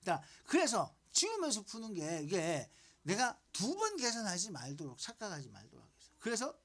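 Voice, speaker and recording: A woman's voice: medium pitch, huge pitch swings, normal speed, a bit bright. A woman math teacher giving a lesson, coaxing students along with repeated prompts and questions.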